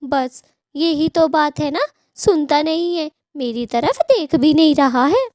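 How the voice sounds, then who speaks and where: A woman's voice: high voice, lively intonation, slow, a little mellow, no room sound, studio quality. A woman voicing a worried old mother in a cartoon story who pleads and fusses over her son. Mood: pleading. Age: older. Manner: pleading, fussing and complaining.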